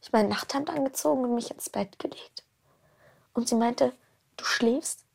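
Woman, interviewee, gravelly voice, slightly high, halting speech, occasional whispers. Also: dark tone. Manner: halting, repeats words, sometimes drops to a whisper. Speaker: interviewee telling her own story. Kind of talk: personal account in an interview.

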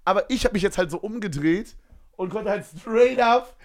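A young man in casual podcast chat, telling an animated, slangy story and acting out the scene. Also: sits high, normal speed.

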